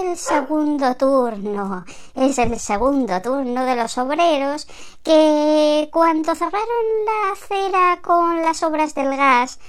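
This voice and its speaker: Woman doing a comedy rant, high voice, exasperated and expressive. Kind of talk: comic monologue.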